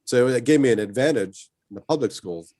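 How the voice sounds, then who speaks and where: A man telling lively stories as a guest in a casual chat, often laughing as he talks. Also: medium pitch, a little fast, no room sound. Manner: animated storyteller, laughs while telling stories.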